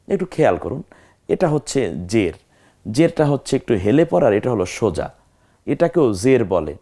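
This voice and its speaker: A man with a lowish voice and a Bangladeshi Bengali accent teaches recitation in an online lesson. He speaks very slowly and draws each letter sound out, then repeats it for practice. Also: a little mellow. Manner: slow, drawn-out demonstration of letter sounds.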